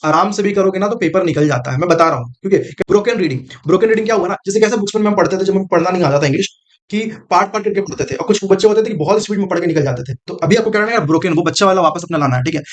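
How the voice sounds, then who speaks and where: A man's voice: sits high, racing. A man coaching students on exam strategy in a casual, direct way, repeating his points and calling the listener brother. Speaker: exam prep mentor. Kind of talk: casual coaching talk to camera.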